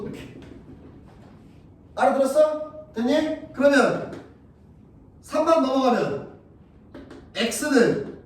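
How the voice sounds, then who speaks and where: A man's voice: very high-pitched, slight background noise. A male math teacher giving a classroom lecture, talking bluntly and crudely and keeping on checking whether the students follow. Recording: echoey classroom, from far off.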